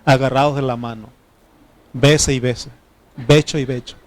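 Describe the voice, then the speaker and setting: A man's voice: medium pitch, steady tone, measured pace, dry recording. A middle-aged man from Mexico with a Mexican Spanish accent, whose first language is Triqui, preaching a folksy sermon and asking the congregation for responses. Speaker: pastor.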